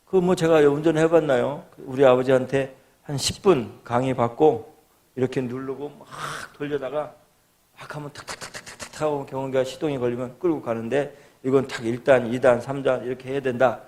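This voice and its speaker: A middle-aged male guest pastor preaching in a church, telling a personal story with animated delivery and acting out quoted prayers and voices. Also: medium pitch, fairly quick. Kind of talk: storytelling sermon. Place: church sanctuary.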